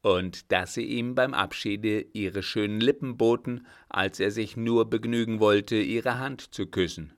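A man voicing a scornful old captain who mocks and threatens a woman, loud and harsh. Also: on the low side, a little slow, hardly any pauses. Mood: threatening.

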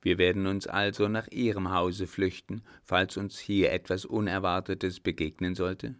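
A man's voice: low-pitched, flat delivery, normal speed, fairly bright tone, clean tone. Man reading as a tense scheming army captain.

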